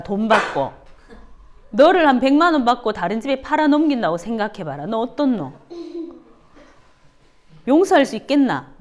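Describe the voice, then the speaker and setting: A woman giving a children's Sunday school sermon, asking the kids questions and gasping for effect. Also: fairly high pitch. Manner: animated, asks children questions, gasps for effect.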